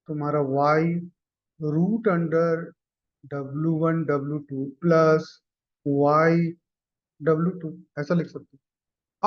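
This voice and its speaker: High-voiced man teaching economics math. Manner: explains step by step, often asks "clear?" and "ठीक है". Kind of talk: exam-prep math lecture. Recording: dull lo-fi recording.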